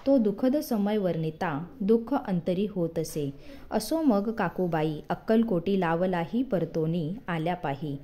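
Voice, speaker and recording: A woman recites devotional scripture in a measured, verse-by-verse cadence. Her voice is soft and mellow, and she takes her time over every line. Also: fairly low pitch, expressive. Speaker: devotional reader.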